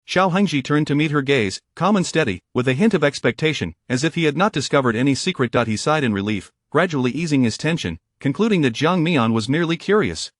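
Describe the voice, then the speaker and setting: A man narrating a story in a steady, even way. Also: a little high, quick pace, few pauses, dry recording, studio quality.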